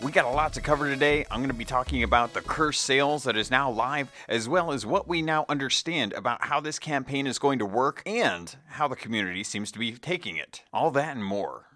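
A man's voice: medium pitch, expressive, normal speed, hardly any pauses, sharp tone, soft background music. A man hosting a podcast, reading scripted gaming news in an announcer-like way. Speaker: podcast host.

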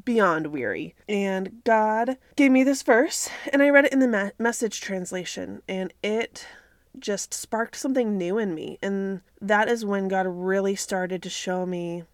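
A woman's voice: mid-range voice, measured pace, no room sound, studio quality. A woman hosting a faith podcast, talking in an earnest, chatty way while recording inside a home clothes closet on a computer microphone. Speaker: podcast host. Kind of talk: casual faith podcast talk.

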